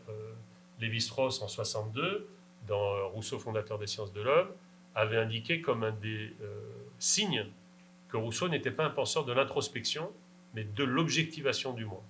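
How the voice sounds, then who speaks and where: A man's voice: fairly low pitch, sharp tone, a little hiss or hum, low-quality recording. A man answering questions after a lecture, emphatic and insistent, checking in with his audience. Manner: emphatic, insistent, rhetorical "d'accord?". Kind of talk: academic Q&A answer.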